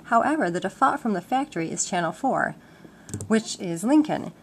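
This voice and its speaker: A woman instructor with a medium-pitched voice, lively intonation and a moderate pace gives a casual, step-by-step walkthrough. She's at home, seated at a wooden table indoors. Recorded through a handheld camera mic, the sound is noisy and clicky, typical of home video.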